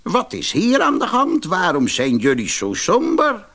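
A man voicing a mysterious old man with a creaking voice, in a storybook reading. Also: fairly high pitch, wildly swooping pitch, measured pace, fairly bright tone, voice pushed up, heavily acted. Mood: grave.

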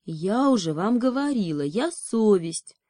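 A woman voicing a lost little female conscience in a storybook, gentle and puzzled, explaining herself patiently. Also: mid-range voice, big pitch swings, unhurried, no echo, clean studio sound. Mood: earnest.

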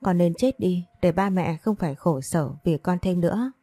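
A woman narrating as a heartbroken young woman from a storybook, asking anguished questions in a warm, low voice. The sound is dry and close. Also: normal speed, no room sound, close to an everyday voice. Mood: distraught.

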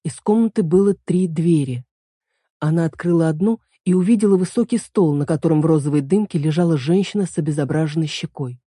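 A woman calmly narrating an audiobook in an even reading manner. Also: low-pitched, brisk, breathy edge, dry recording, studio quality.

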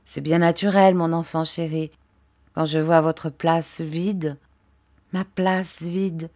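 A woman voicing a gentle young husband who speaks to his wife in a low, hushed and tender way. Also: steady tone, slow. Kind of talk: audiobook character voice.

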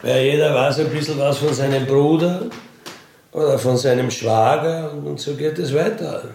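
An older or middle-aged ex-convict with an Austrian accent matter-of-factly recalls his life, colloquial and unapologetic in this candid conversational recollection. His voice is fairly high, creaky and a little mellow, at a moderate pace. A little hiss or hum sits in the recording.

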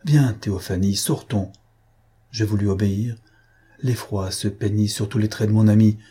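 A man narrating a classic novel aloud as an audiobook reader, in an even, literary storytelling manner. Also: on the low side, moderate pace, breathy edge.

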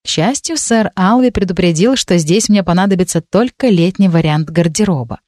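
A woman narrating a fantasy audiobook in the first person with measured, steady reading. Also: on the low side, no room sound, studio quality.

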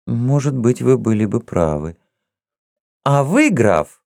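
A man's voice: medium pitch, very animated, slow pace, creaky, darkish tone, no echo, clean studio sound, voice pushed up, heavily acted. A man voicing a proud, teasing young princess in an audiobook reading, with a haughty, mocking manner.

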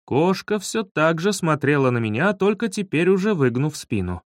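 Man, audiobook narrator, expressive, fairly high voice, lively pitch, dry close sound. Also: moderate pace, no room sound. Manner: expressive storytelling. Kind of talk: scripted narration of a humorous children's story.

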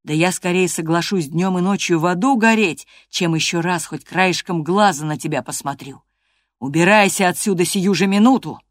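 A woman reading an audiobook voices a sullen, rough young man who speaks bluntly and slowly. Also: fairly low pitch, no room sound, clean studio sound, natural voice. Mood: angry.

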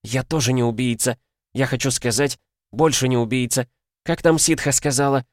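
Brief: man playing a worn-out, hoarse young huntress, blunt and scornful, raised pitch, dry close sound. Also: fairly even intonation, normal speed, dry recording, lightly acted. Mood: weary defiant. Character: exhausted young female hunter, blunt and defiant.

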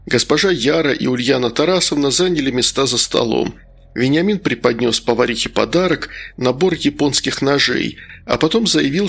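A man narrating an audiobook in a steady storytelling manner. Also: medium pitch, creaky, slightly rough. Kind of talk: scripted narration.

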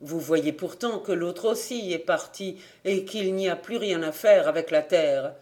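A man's voice: sits high, a little slow, a little mellow. A man reading an audiobook, voicing a young son who left the farm, speaking defensively and a little sheepishly. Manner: evasive and defensive, half-sheepish.

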